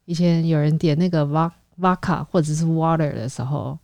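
Female co-host, lower voice, brief responses, dry sound. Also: steady tone, moderate pace, darkish tone, no room sound. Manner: brief listening backchannels and questions. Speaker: co-host, guest. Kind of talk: casual conversational podcast.

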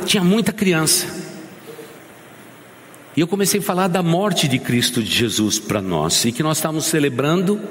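A male pastor delivering an impassioned sermon in a church, swinging between hushed and loud. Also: a little high. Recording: echoey church hall with faint noise.

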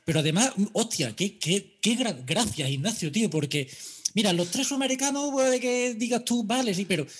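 A man's voice: high voice, animated, normal speed, slightly rough. A man co-hosting a podcast, chatting casually with emphatic, wry asides. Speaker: podcast co-host. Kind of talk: casual chat.

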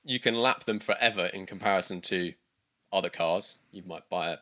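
A man's voice: sits low, a little fast, sharp tone. A man from the UK in his thirties, chatting casually as a guest, rambling with many restarts and fillers. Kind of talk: casual interview chat.

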